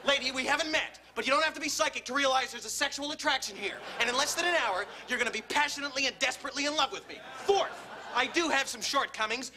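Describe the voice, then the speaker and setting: A brash, cocky motormouth in a TV comedy sketch. His voice is screechy, nasal and very bright, pitched far up, with faint noise on the dated recording. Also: exaggerated voice. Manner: rambling, cocky. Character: brash, self-absorbed, fast-babbling man flirting with a stranger.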